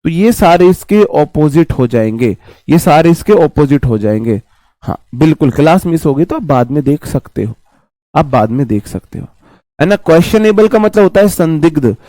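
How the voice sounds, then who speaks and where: A man's voice: on the high side, dark tone, dry recording. A male coaching teacher with a sore, worn-down throat, explaining English vocabulary in a chatty class that keeps circling back on itself. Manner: chatty, repeats himself, calls students "bhai". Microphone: mic placed close.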